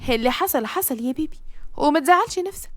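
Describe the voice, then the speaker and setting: Egyptian lady reading as a young doctor wife, sweet and coaxing, high quick voice. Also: animated, no room sound. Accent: Egyptian Arabic. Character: young woman doctor, loving, teasing wife.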